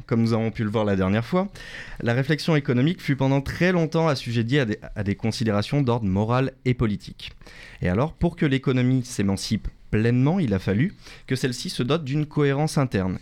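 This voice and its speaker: A man's voice: medium pitch, a little mellow. A man giving a prepared radio talk on economic history, lecturing and correcting himself with small jokes. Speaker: radio columnist.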